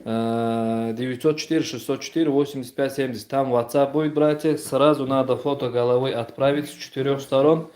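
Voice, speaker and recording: A man's voice: mid-range voice, steady tone, fairly quick, hardly any pauses, a little mellow. A man hosting a livestream, chatting casually as he promotes hair transplants. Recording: faint background noise.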